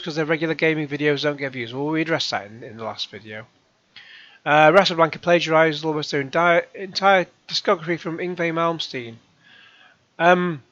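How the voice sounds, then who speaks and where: Sarcastic hoarse middle-aged man. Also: fairly high pitch, a bit bright, no room sound, muffled recording. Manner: sarcastic, rambling, with asides. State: hoarse, coughing. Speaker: YouTube channel host. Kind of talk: reading and rebutting comments.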